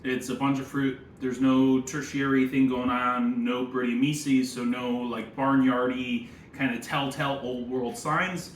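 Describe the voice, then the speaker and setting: A sommelier and presenter offers wry, opinionated tasting commentary packed with wine jargon. His medium-pitched voice is flat and unhurried, with hardly any pauses, recorded in an echoey room with faint background noise.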